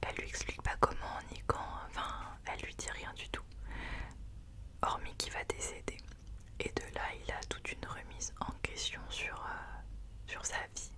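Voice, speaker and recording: Someone speaking in a hushed, unvoiced library whisper, sharing and reading books in an informal ASMR style. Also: normal speed. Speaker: ASMR host. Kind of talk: whispered ASMR book recommendations and reading aloud.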